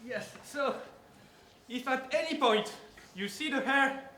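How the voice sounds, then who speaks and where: A man acting a co-commentator in a student stage play who coaches the audience to shout back. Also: very high-pitched, slow, exaggerated voice. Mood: coaching. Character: cheerful male co-commentator leading the crowd. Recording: echoey hall, faint noise.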